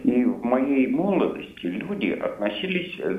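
A man's voice: mid-range voice, big pitch swings, normal speed. An older man calling a talk show, giving his opinion emphatically with rhetorical questions over an echoing phone line. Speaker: phone-in caller. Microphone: telephone. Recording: echoing, narrow-band telephone line.

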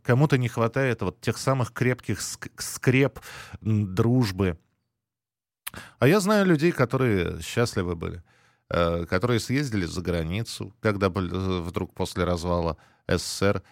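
Low-voiced male talk radio host, dry sound. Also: normal speed, no room sound. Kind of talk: live talk radio, conversational. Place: dry studio.

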